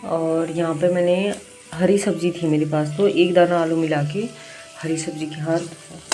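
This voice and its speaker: With a low voice and a darkish tone, a young woman chats casually for her home vlog, indoors. She is a mother nursing a bad headache, and her crying child draws occasional affectionate scolding from her.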